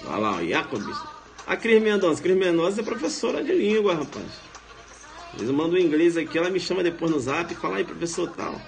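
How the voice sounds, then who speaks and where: A Brazilian man gives a casual live law lecture, slangy and playful, tossing tag questions at his viewers. His voice sits somewhat high for a man. Soft music plays faintly behind him. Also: sing-song, fairly quick, creaky. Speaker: law professor.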